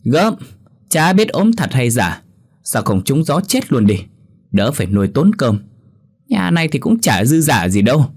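A man voicing a spiteful young village wife, shouting shrill abuse at her family. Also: sing-song, a little slow, husky, full character voice. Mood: sneering.

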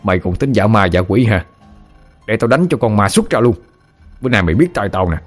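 A man's voice: lowish voice, animated, brisk, faint music behind. A man doing a stammering brutish husband. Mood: threatening. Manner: stammering, pleading. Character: drunken abusive husband, middle-aged man, stammering coward.

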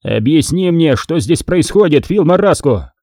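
A man's voice: fairly high pitch, very animated, a little slow, dark tone, dry recording, clean studio sound, pitched above the performer's own voice. A man reading an audiobook voices a frightened, blustering aging mafia boss. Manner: shaky, blustering, pleading.

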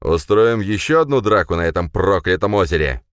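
A man voicing a stern, booming leader. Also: expressive, smooth, dry recording, studio quality. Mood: commanding. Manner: slow, booming, commanding. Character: stern, imposing man with a thick voice.

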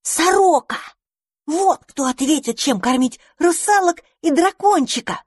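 A woman voicing a young boy mouse, eager and kind, talking in an excited way. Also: high-pitched, a little slow, dry recording, clean studio sound, voice pushed up. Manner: excited, bright-eyed.

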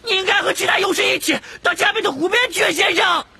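A man voicing an excitable male house-elf servant in a shrill, squeaky, pleading voice. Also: quick pace, vocal fry, full character voice. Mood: urgent squeaky.

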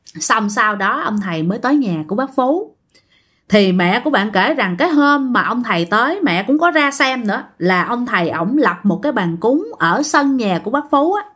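Southern vietnamese lady telling a spooky story, chatty, voice goes up and down a lot, kinda high. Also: very animated, moderate pace, fairly bright tone, breathy edge. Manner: chatty, talks straight to listeners. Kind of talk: casual ghost-story telling.

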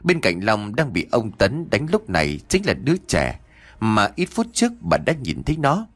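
A man narrating a horror story in an expressive, theatrical way. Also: lowish voice, normal speed, no echo.

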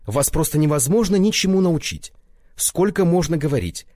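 A man's voice: fairly high pitch, very animated, moderate pace, dark tone, pitched above the performer's own voice. A man voicing a sweetly condescending, spiteful female university lecturer in a story reading. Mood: sweetly scolding.

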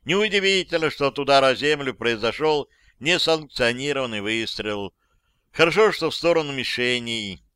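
A man's voice: medium pitch, lively intonation, moderate pace, bright, forceful tone, clear, resonant tone, no echo. A man narrating a first-person audiobook in a wry, dry storytelling manner.

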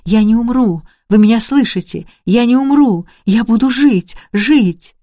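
A reader voicing a young, gravely ill woman who insists feverishly that she will live and orders others about. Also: medium pitch, normal speed, warm tone, no room sound, clean studio sound, lightly acted. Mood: frantic. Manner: pleading, then commanding and mocking. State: coughing, short of breath.

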